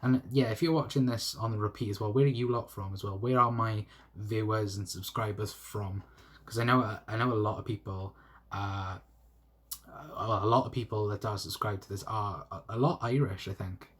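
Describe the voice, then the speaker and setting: Chatting from his phone on a football live stream, a young South Welsh man reads comments in a rambling, stop-start way, laughing and restarting often. His fairly low voice is steady, fairly bright and a bit breathy. Audio is from the phone mic.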